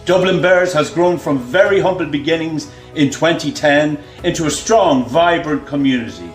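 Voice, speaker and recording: A man in his sixties giving a formal, measured self-introduction as a contest candidate. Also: a little high, soft background music. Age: 60s. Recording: echoey room.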